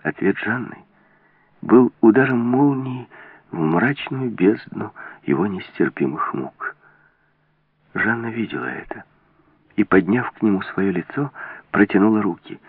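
Deep-voiced guy reading a story aloud, dry and phone-thin sound. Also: lively intonation, measured pace, pauses often, slightly rough, no room sound. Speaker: audiobook narrator. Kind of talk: scripted narration of an adventure novel. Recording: tinny dry lo-fi audio.

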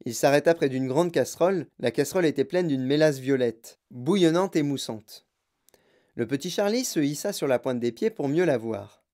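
An audiobook narrator reading a children's story in a calm, even, descriptive voice. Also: mid-range voice, normal speed.

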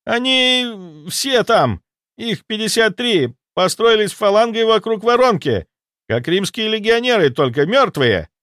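A man's voice: high voice, very animated, a little slow, no echo, clean studio sound, pitched above the performer's own voice, heavily acted. Rostislav, a man doing a frantic ghost officer. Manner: breathless, indignant shouting reports. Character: frantic ghost of an old-time male army officer. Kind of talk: audiobook character voice.

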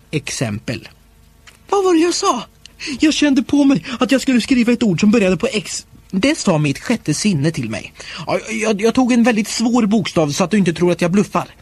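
Man, husky, lively swooping pitch, playful comic diary narration, audiobook. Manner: playful, expressive, comic timing. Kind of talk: scripted first-person diary narration.

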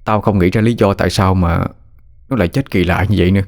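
A man's voice: sits low, steady tone, fast talker. A man voicing a puzzled young man. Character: puzzled young man, friend of the dead boy.

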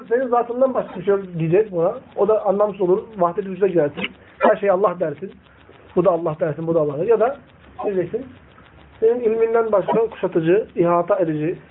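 Male religious teacher with a high voice. He recites slowly and asks rhetorical questions. Tinny, phone-like audio. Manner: recites Arabic slowly, then explains. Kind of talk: religious lesson to a study group. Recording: tinny phone-like recording with faint noise.

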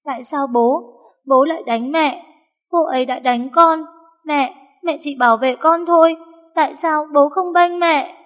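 A woman's voice: measured pace, fairly bright tone. A woman doing a frightened little girl. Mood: tearful. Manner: high pleading child voice. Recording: long reverb.

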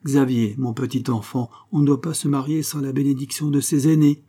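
A man's voice: mid-range voice, flat delivery, brisk, warm tone, breathy edge, voice pushed up, close to an everyday voice. A man voicing an old, devoted manservant with a cavernous, grumbling voice, read in an audiobook. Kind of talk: audiobook character reading.

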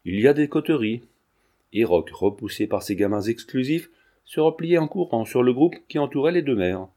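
A man narrating a classic novel as an audiobook in a steady, measured reading. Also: mid-range voice. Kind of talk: scripted narration.

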